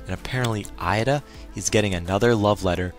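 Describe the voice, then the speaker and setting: A man giving a casual recap of an anime episode, opinionated and quick to exclaim his reactions. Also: on the low side, faint music behind. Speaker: anime reviewer.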